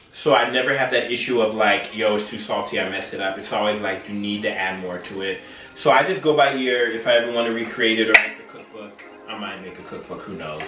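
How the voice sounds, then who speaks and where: A man's voice: medium pitch, fairly bright tone. A tipsy man hosting a casual home cooking demonstration, talking in a loose, rambling way. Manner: tipsy, loose and rambling, drinking shots as he cooks. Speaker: cooking show host. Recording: roomy echo, distant mic, music behind. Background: music.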